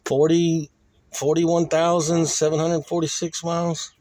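Hosting a car crushing vlog from an outdoor junkyard, a man speaks in a fairly high, darkish voice, a little slowly, with flat delivery. His folksy, colloquial chat rambles as he walks around, partly talking to himself. It's captured on a handheld phone or camera with an operator behind it, with faint outdoor noise.

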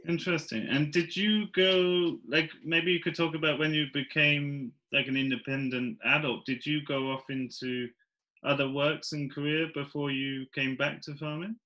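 A man's voice: fairly high pitch, fairly even intonation, normal speed, pushed and bright, low-quality recording. A man hosting an interview, asking questions with hesitant, encouraging phrasing. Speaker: podcast host interviewer.

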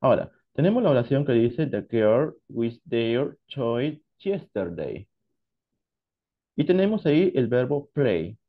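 A man teaching English to Spanish speakers, explaining past tense pronunciation slowly and deliberately, switching between Spanish and English. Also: medium pitch, big pitch swings, phone-quality sound. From Peru. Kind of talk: online class lesson.

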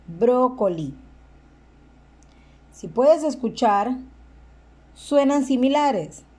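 A woman teaching a language lesson, slowly and deliberately repeating each word for the listener to echo. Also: fairly high pitch, a little mellow. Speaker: English teacher. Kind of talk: slow bilingual vocabulary lesson.

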